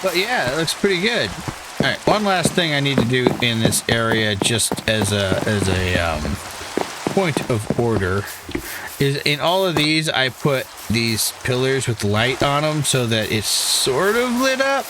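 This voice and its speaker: A man's voice: mid-range voice, expressive, a little slow, noisy background. A man with a New England accent, talking to himself in a dry, wry way while playing a game. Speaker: gameplay streamer. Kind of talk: casual gameplay commentary.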